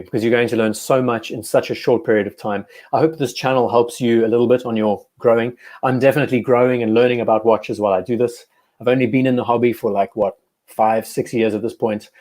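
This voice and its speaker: A man's voice: mid-range voice, fairly even intonation, fairly quick, a little mellow. A man in his twenties hosting a live stream, chatting casually and reacting to viewers' comments as he goes. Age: 20s. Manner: chatty, reads live chat aloud, self-correcting. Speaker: host. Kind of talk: casual livestream chat.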